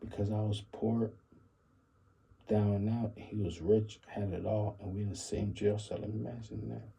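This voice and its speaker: A man's voice: lowish voice, level tone, normal speed, vocal fry, mellow, slightly rough, poor audio. A man hosting his own channel, rambling through a half-joking solo commentary and repeating himself with musing asides. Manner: repetitive, musing, keeps saying "imagine that". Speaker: channel host.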